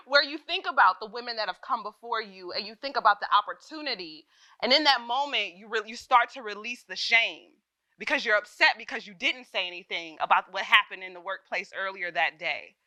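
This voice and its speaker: A woman's voice: mid-range voice, brisk, pushed and bright, no room sound. A woman moderating a panel conversation, effusive and exclamatory. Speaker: host and moderator.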